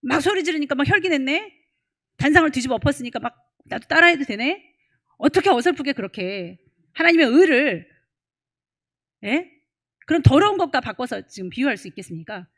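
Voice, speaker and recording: A woman's voice: high voice, expressive, a little fast, pauses often. A woman pastor delivers an emphatic sermon in a church. She fires off rhetorical questions and keeps pressing her listeners for a response.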